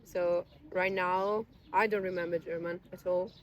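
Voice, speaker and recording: A woman's voice: lowish voice, fairly even intonation, measured pace, low-quality recording. A woman in her twenties, a guest in a casual chat outdoors in a park, explaining at length in a thoughtful, self-deprecating way. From Italy. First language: Italian.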